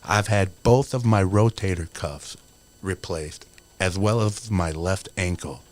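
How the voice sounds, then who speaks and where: A low-voiced man in his forties speaks unhurriedly as a wrestler guest on a casual podcast interview. His manner is earnest and motivational, though rambling, with plenty of fillers such as "you know."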